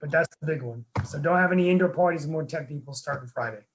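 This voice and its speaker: A man's voice: a little high, fast, poor audio. A man hosting a webinar over a video call, talking earnestly and rambling with lots of fillers and restarts. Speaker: webinar host, town council member. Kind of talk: casual webinar talk.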